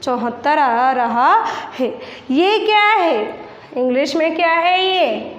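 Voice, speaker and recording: A woman teaching young children in a classroom lesson, speaking slowly and deliberately and spelling out sounds and letters one by one. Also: high-pitched, lively intonation, fairly bright tone, highs cut off. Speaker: primary school teacher. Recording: echoey room with long reverb.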